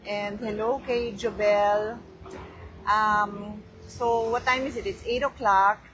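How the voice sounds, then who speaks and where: A woman's voice: medium pitch, fairly even intonation, takes it slowly, noisy background. Chatty Filipino woman hosting a phone livestream. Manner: chatty, mixes English into Filipino, greets viewers by name. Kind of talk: casual live chat, greeting viewers. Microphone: handheld phone.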